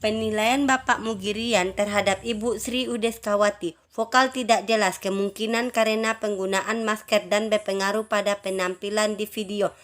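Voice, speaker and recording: A woman announcing a writing contest's results, reading out judges' feedback in measured, list-like phrases with small restarts. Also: mid-range voice, steady tone, a bit bright.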